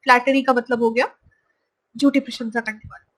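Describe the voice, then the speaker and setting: A woman teaching English vocabulary from slides, saying each word slowly and repeating it. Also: fairly high pitch, little pitch movement, low-quality recording. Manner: slow, drawn-out pronunciation of each word, repeated. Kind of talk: slide-based vocabulary lesson.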